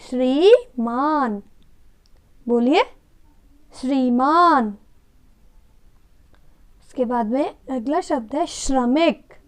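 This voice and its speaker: A woman teaching a children's Hindi class, saying each word slowly and over again for the pupils to repeat, with short words of English praise. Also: sits high. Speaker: primary school Hindi teacher. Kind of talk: slow, drilled pronunciation lesson for children.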